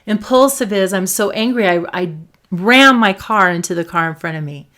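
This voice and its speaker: A woman's voice: on the low side, animated, normal speed, sharp tone. A woman psychologist speaking to camera about emotions in an emphatic way, stressing and repeating her key points. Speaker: psychologist and host.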